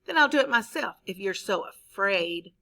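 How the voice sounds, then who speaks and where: A woman's voice: mid-range voice, lively intonation, moderate pace, bright, forceful tone. A woman teacher voicing a spiteful, mean new schoolboy in a read-aloud story, taunting and snapping.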